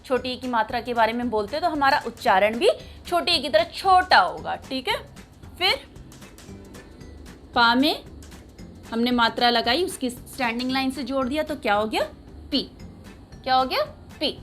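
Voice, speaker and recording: A woman's voice: sits high, expressive, normal speed, pauses often, fairly bright tone, faint music behind. A woman teaching young children a writing lesson, patiently asking a question and repeating each sound.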